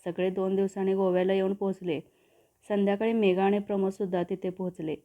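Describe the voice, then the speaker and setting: A woman reading a love story as a storyteller, in steady, descriptive narration. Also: medium pitch, brisk. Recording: tinny phone-like sound.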